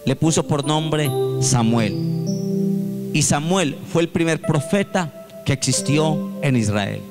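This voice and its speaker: A man's voice: a little high, animated, slow, loud music behind the voice. A man preaching a sermon in a church, reading scripture aloud and rising into sung, pleading prayers. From Colombia. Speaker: pastor.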